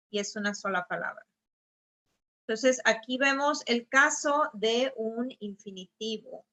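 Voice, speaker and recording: Slow, bright-voiced woman teaching grammar. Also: a little high. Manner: patient, explanatory, often checks with "¿verdad?". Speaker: Spanish teacher. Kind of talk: grammar lesson over slides.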